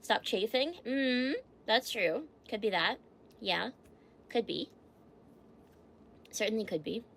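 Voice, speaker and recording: A woman chats casually on her livestream, reading fun facts aloud and stopping to answer her chat with small giggles. Her voice sits a touch high and has a sharp, bright edge. She sounds a little stuffy from allergies. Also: expressive, slow, creaky, pauses often, a little hiss or hum. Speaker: streamer.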